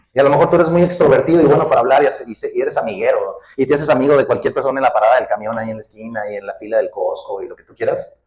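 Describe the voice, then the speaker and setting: A middle-aged man, preaching a conversational verse-by-verse sermon, animated and full of questions to the listener. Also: mid-range voice, a little hiss or hum, rough recording. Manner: animated, uses questions and acted quotes. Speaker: pastor teaching a Bible study.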